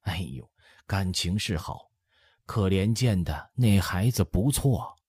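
A man voicing an eighty-year-old empress dowager who gently lectures her son in an audiobook. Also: low-pitched, expressive, breathy edge, dry recording, clean studio sound, full character voice. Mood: motherly. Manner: soothing, lecturing, drawn-out chatty. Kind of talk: audiobook character voice.

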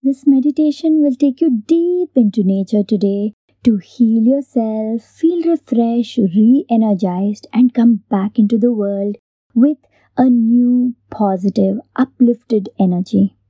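A woman hosting a guided meditation in a soft, breathy near-whisper, gently giving unhurried instructions with long pauses. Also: on the high side, no room sound, highs cut off. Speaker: meditation host.

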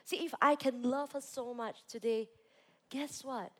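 A young woman pastor preaching to a youth service, telling a personal story with lively, animated delivery. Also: fairly high pitch, measured pace. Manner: animated storytelling, acting out her own reactions.

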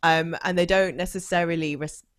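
A woman's voice: on the low side, steady tone, moderate pace, dry recording. A woman in her late twenties from the UK, hosting a podcast and asking long, winding questions full of "sort of". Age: late 20s. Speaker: podcast host. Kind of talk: podcast interview.

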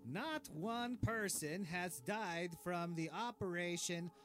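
A man voicing a vain, oblivious, cruel dictator king, reading his diary in a deadpan, pompous, clueless way. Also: high voice, slow pace, background noise. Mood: smug, deadpan. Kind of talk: comedic diary narration.

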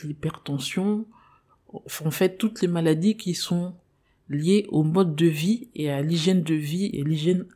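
Mellow-voiced woman, earnest and hesitant. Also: low-pitched. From Congolese descent. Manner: thoughtful, earnest, with frequent hesitations. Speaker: podcast host. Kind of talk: personal monologue.

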